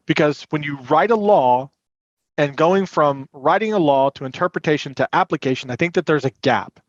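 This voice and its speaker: A man who manages compliance and recovery at a credit union appears as an expert podcast guest, explaining things earnestly in a conversational way. His voice is a little high and his speed normal, and the audio is muffled and roomy.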